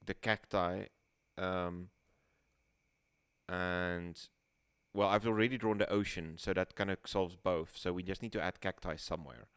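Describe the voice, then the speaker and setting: Deep-voiced man rambling through a game. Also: fairly even intonation, a bit bright, clean tone, no room sound, studio quality. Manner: rambling, halting, many restarts. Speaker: game facilitator. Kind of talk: casual streamed tabletop play.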